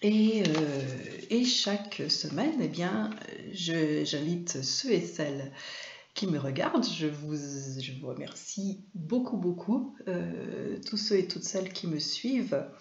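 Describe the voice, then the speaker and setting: A woman's voice: fairly low pitch, lively intonation, takes it slowly. A French woman hosting a weekly live film talk, hesitant, with many fillers and restarts. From France. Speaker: host and film trainer. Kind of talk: casual live-stream talk. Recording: roomy, dull lo-fi sound.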